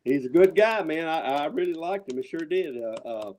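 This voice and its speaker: A man with a high-pitched voice and a Southern drawl rambles through casual wrestling trash talk. He swears freely and pushes his points hard, sounding riled up. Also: animated, normal speed, a little mellow. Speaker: wrestling promotion owner, show guest.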